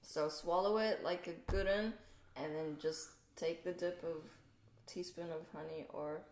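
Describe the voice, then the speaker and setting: A woman's voice: on the low side, fairly even intonation, unhurried, darkish tone, roomy sound, slight background noise. A woman hosting a casual spiritual livestream, chatty and laughing as she greets viewers by name. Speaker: host.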